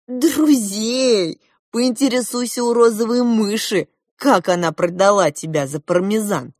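A woman's voice: medium pitch, a little slow, a little mellow, no echo, clean studio sound, close to an everyday voice. A woman voicing a haughty, cruel elder prince who mocks and commands in a storybook reading. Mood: taunting. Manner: mocking, commanding.

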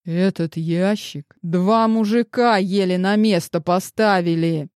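A woman's voice: fairly low pitch, takes it slowly, darkish tone, clear, resonant tone, no echo, clean studio sound. Woman reading a stern, disapproving father. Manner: stern, reproachful.

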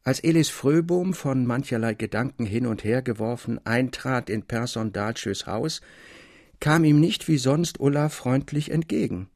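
Male story reader with a dramatic delivery, gravelly voice, dry close sound. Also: mid-range voice, animated, unhurried, darkish tone, no echo. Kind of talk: literary audiobook reading.

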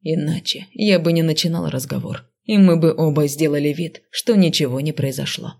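A woman voicing a calm, brooding adult male dark mage teacher in an audiobook, speaking quiet and reproachful. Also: deep voice, normal speed, creaky. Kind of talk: audiobook character voice.

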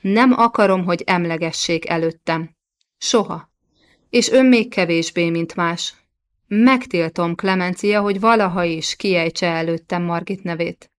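A woman's voice: on the low side, clear, resonant tone, close to an everyday voice. A woman voicing an angry medieval king. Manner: irritable, defensive, commanding. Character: angry guilty young medieval French king.

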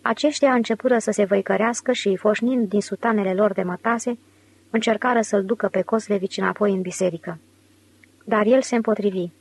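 Woman reading an audiobook, steady and clear, mid pitch. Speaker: audiobook narrator. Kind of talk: scripted narration.

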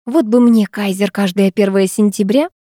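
A woman's voice: medium pitch, normal speed, dark tone, dry recording, clean studio sound, lightly acted. A woman voicing a bubbly, naive teenage schoolgirl who talks in a ringing, sing-song way, in an audiobook reading. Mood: chirpy.

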